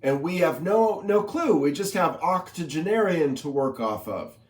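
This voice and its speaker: A man's voice: on the high side, lively intonation, moderate pace, roomy sound. A man casually explaining a number system he invented, in a playful, teasing way, reciting long lists of coined number words.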